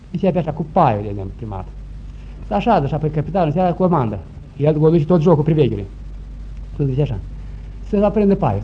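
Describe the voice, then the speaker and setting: An older man from Romania recounting old village customs in an interview, telling it vividly and acting out shouts and sounds. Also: high voice. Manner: lively, acts out shouts and sounds. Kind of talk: folk storytelling. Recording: dull lo-fi recording, faint noise.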